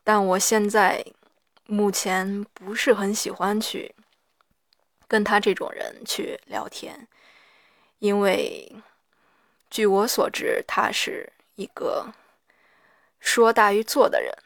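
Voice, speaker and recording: Slow, hoarse, gravelly-voiced woman. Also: medium pitch, level tone, a bit bright, dry recording, clean studio sound. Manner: halting, reflective, pausing mid-sentence. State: hoarse after an hour of reading aloud. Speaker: solo audio diarist. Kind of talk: personal audio diary, reflective monologue.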